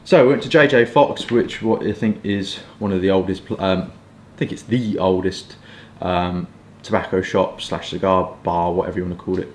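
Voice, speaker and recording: A man's voice: low voice, steady tone, moderate pace, hardly any pauses. A man in his twenties with a southern English accent, chatting casually and rambling through hedging asides as a review vlogger. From southeast England. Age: 20s. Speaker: pipe and cigar review vlogger. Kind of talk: casual chat. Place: small furnished room at home, indoors. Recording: roomy echo, some background noise.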